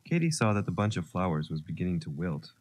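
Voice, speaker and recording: A man narrating a children's story, gentle and expressive. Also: deep voice, fast talker.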